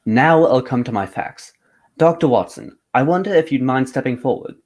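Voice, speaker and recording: In an old-time radio drama, a man plays a confident, methodical gentleman detective with a formal, theatrical delivery. His medium-pitched voice is expressive and assured, at a moderate pace.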